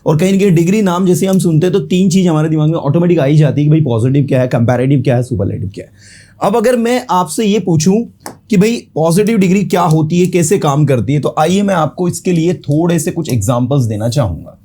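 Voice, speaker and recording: A man's voice: on the high side, animated, fast talker, dark tone. Man teaching grammar. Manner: explains in Hindi mixed with English, repeats words syllable by syllable. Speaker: English teacher. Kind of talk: classroom grammar lesson at a board.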